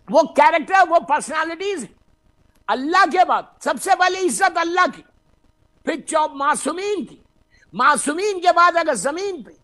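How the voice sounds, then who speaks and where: High, bright-voiced impassioned man preaching. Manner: impassioned preaching, mixing English phrases, bursts of shouting. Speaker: Shia cleric giving a majlis sermon. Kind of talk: sermon.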